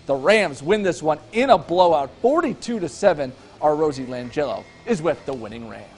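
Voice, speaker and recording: A man anchoring TV sports, narrating football highlights in an energetic, punchy way. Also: moderate pace. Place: TV studio.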